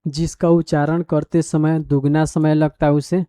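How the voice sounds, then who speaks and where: A male teacher giving a school grammar lesson, dictating definitions slowly word by word as he writes them down and asking the class questions along the way. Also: a little high, level tone, mellow, smooth, dry recording. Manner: repeats definitions and quizzes the class.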